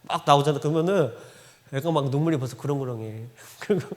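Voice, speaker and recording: A man's voice: a little high, fast, a little mellow. A male pastor giving a Sunday sermon in a church, telling stories conversationally and acting out the dialogue. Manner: conversational storytelling, acting out quoted dialogue, frequent laughter. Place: church sanctuary. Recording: long reverb of a church hall.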